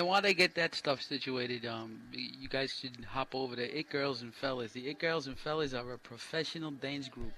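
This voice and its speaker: A man's voice: mid-range voice, pushed and bright, rough recording. A man with a thick Brooklyn New York accent, joking and chatting as color commentator at a football game. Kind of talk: amateur sports commentary.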